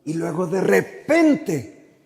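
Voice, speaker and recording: A man's voice: high-pitched, big pitch swings, slow, vocal fry, darkish tone. A man, an Augustinian friar, telling a personal testimony in a parish church, acting out quotes and dropping into English phrases. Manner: vivid storyteller who acts out quotes and slips into English phrases. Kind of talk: storytelling testimony. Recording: long church reverb.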